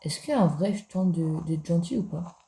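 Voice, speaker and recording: A man's voice: on the high side, lively intonation, normal speed, vocal fry, dark tone. A man giving casual gameplay commentary as a gaming YouTuber, chatty and jokey, talking straight to his viewers.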